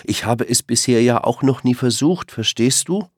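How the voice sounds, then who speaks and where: A man's voice: medium pitch, normal speed, slightly rough, no room sound, clean studio sound, pitched above the performer's own voice, lightly acted. Man doing a worried little fox cub. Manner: worried, hesitant. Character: small clumsy fox cub, anxious.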